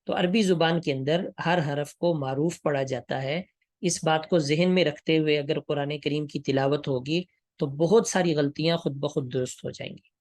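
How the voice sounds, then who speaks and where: Measured man teaching Quran recitation. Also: fairly high pitch, darkish tone, dry recording, studio quality. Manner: slow, drawn-out demonstrations of Arabic pronunciation. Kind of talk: tajweed lesson.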